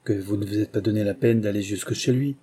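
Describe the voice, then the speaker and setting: A man voicing an impatient, fussy gentleman of fashion in a read novel. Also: on the low side, steady tone, quick pace, slightly rough.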